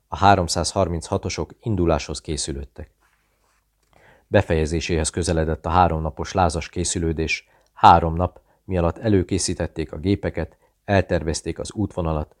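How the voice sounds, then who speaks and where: A man reading a thriller novel aloud, voicing the dialogue within his steady, measured narration. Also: deep voice. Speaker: audiobook narrator. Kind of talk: scripted narration.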